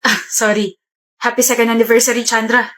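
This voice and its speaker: A woman's voice: on the high side, level tone, brisk, sharp tone. A woman acting in a comedic skit, teasing and bantering playfully. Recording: echoey room.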